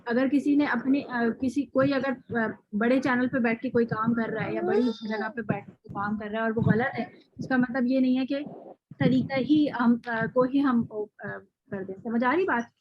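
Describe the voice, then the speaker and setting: A woman teaching a tajweed lecture, explaining patiently, repeating example words slowly, with frequent fillers and self-corrections. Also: on the high side, fairly even intonation, dull audio, slight background noise. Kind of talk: online lecture with recap.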